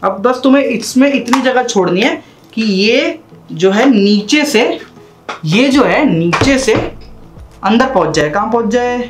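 A man's voice: very high-pitched, expressive, a little slow, faint music behind. A young man in a casual how-to vlog, chatting and repeating himself as he works with his hands at a desk in a small room. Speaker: vlogger.

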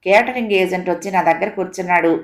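A woman's voice: lowish voice, fast talker, close to an everyday voice. A woman voicing a cheerful, polite young woman caller with a sweet, giggly way of talking. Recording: echoey room recording.

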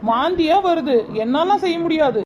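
A woman's voice: high-pitched, animated, normal speed. A woman playing a pregnant young daughter-in-law in a homemade family skit, weary and complaining. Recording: dull noisy recording.

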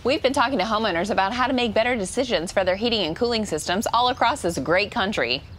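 A woman in her thirties co-hosting a sponsored home show, bright and upbeat, in a living room. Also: mid-range voice, animated, quick pace, soft background music. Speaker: show co-host.

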